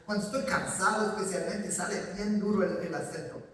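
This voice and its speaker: A man's voice: sits high, steady tone, fairly quick, fairly bright tone, a little hiss or hum. A man from Ecuador preaching a sermon in a church, addressing listeners directly and answering his own questions. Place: church sanctuary. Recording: echoey hall, voice from far off.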